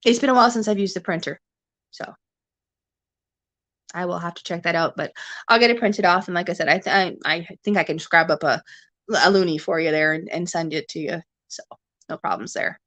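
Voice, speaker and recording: A Canadian woman in her forties hosts a livestream, chatting casually with viewers through a webcam or phone mic and rambling with many restarts and fillers. Her voice is on the low side and fairly bright, a little fast yet broken by long pauses. There's no room sound.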